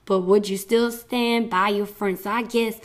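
A woman hosts her solo podcast in a medium-pitched, steady voice, speaking a little slowly. Though her voice is fading, she stays chatty and rambling, laughing often along the way.

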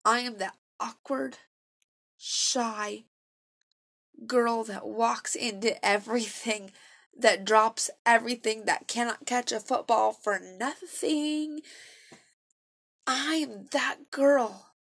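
A woman's voice: a little high, takes it slowly, creaky, pauses often, a bit bright, breathy edge. A young woman giving a personal faith testimony in an earnest, emotional and self-deprecating way.

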